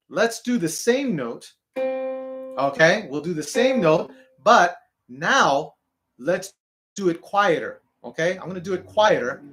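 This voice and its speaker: A man with a deep, slightly bright speaking voice teaches a singing lesson. He sings short demonstration notes and finishes almost every phrase with "okay?"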